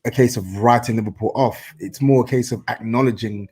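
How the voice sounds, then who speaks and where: Fast husky man teasing in debate. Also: mid-range voice, fairly even intonation, mellow. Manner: teasing, pushes back quickly. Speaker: podcast panelist. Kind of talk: casual debate.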